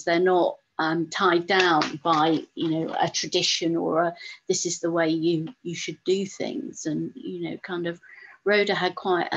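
A woman's voice: lowish voice, creaky, husky. A woman hosting an online talk, reading out audience questions and adding her own loose, reflective remarks. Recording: dull, lo-fi sound.

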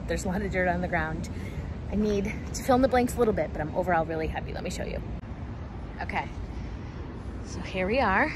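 A woman in her thirties vlogging into a phone held at arm's length, her voice sitting a little low. She chats in an upbeat, rambling way, with fillers and small laughs. Clear street and traffic noise runs behind her. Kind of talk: casual vlog chat. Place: rooftop, car, store and city balcony. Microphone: phone camera held at arm's length.

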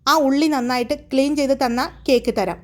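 A woman's voice: sits high, brisk, lightly acted. A woman voicing a caring middle-aged mother who teases her daughter playfully in a storybook tale. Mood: teasing. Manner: fond, scolding playfully.

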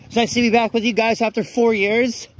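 A man's voice: extremely high pitch, level tone, brisk, no room sound. A man vlogging outdoors on a wet city street at night while walking, talking bluntly and ranting with many restarts. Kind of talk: walk-and-talk vlog rant. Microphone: phone held while walking.

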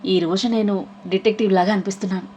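A woman's voice: mid-range voice, fairly even intonation, a little mellow, slight background noise, lightly acted. Woman voicing a cheeky young heroine. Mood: playful. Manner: teasing, quick to laugh.

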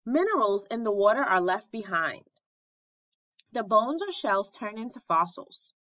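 An elementary school teacher reads a children's lesson aloud, her mid-range voice bright and forward, and her pace unhurried. She enunciates every phrase deliberately. The recording is close and dry, with somewhat dull fidelity.

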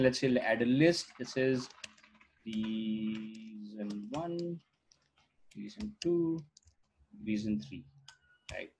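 Screen-sharing on a video call, a Gujarati-speaking startup founder from India demos his software in a mid-range, slightly rough voice. He talks conversationally, leaning on "uh" fillers and "right?" tags. He's indoors, heard through a webcam mic.

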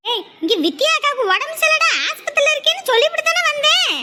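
A woman's voice: very high voice, animated, quick pace, sharp tone, heavily acted. An actress playing a village mother who teases and scolds her crying young son with affection. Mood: teasing. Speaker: actor. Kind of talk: village drama acting.

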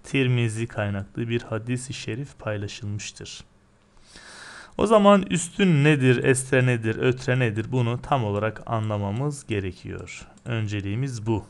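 A man teaches a recorded reading lesson at an unhurried, deliberate pace and a mid-range pitch. He drills syllable after syllable patiently, posing questions and then answering them himself. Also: lively intonation, clean tone.

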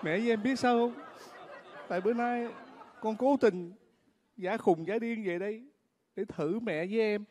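A man's voice: high-pitched, moderate pace, darkish tone, long reverb tail, some chatter behind, slight background noise, natural voice. A man playing a blunt elder daughter back from the city, in a live stage comedy skit. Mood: teasing. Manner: blunt, defiant questioning.

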